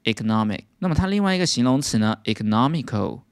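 A man's voice: mid-range voice, lively intonation, fast talker, clean tone, dry recording, clean studio sound. A man with a Taiwanese Mandarin accent teaching English news vocabulary, explaining each word steadily and stressing the English terms.

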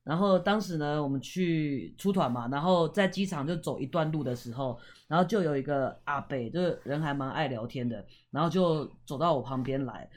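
A woman's voice: low-pitched, normal speed, hardly any pauses, a little mellow. A woman guest, a tour leader telling funny stories in casual chat with a playful, self-mocking manner.

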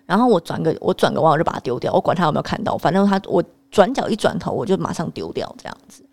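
A woman's voice: lowish voice, rapid-fire. Exasperated young woman storyteller. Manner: animated, exasperated anecdote-telling. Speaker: vlogger. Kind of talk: storytelling to camera.

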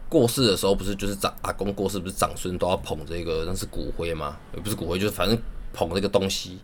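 A man's voice: deep voice, fast talker, slight background noise. A young man with a Taiwanese Mandarin accent, telling a rambling story in casual monologue, swearing freely and laughing at his own jokes.

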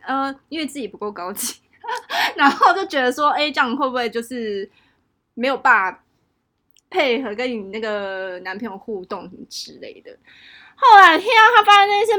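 A young woman with a Taiwanese Mandarin accent chatting casually, telling a story in an animated, exaggerated way. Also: sits high. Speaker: podcast co-host. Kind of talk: casual chat. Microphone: home test recording.

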